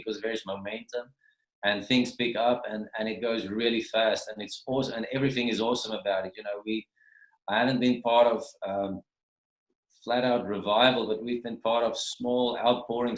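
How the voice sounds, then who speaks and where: A man teaching as a minister in a casual, rambling way that often repeats and restarts words, heard over a video call. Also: medium pitch. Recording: roomy video call audio.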